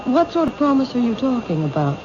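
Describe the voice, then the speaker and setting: An actress playing a reserved, polite bookshop owner in an old-time radio drama. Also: female voice, a little high, sing-song, fast talker. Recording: noisy lo-fi old radio recording.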